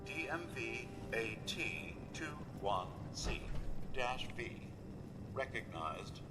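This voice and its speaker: A man voicing a male robot clerk at a records office, making flat, clipped computer-processing announcements in a robotic computer voice. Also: mid-range voice, takes it slowly, over loud music. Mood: bureaucratic monotone. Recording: game audio with steady background noise.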